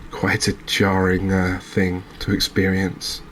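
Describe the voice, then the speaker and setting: Low-voiced and slow, a man who makes gaming videos murmurs ASMR-style commentary over a game, soft and relaxed. He comes across as musing, hesitant, and understated, and there's a little hiss or hum in the recording.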